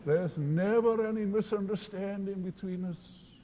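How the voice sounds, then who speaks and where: A man preaching a sermon in a slow, earnest way, quoting scripture often. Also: high-pitched, dark tone, muffled recording, slight background noise. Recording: long hall reverb.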